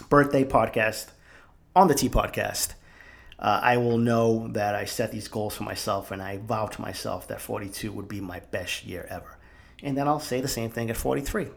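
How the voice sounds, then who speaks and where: A man's voice: mid-range voice, gravelly. A man in his forties from Boston, hosting a solo podcast in a candid, reflective and profane way. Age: 40s. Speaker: podcast host.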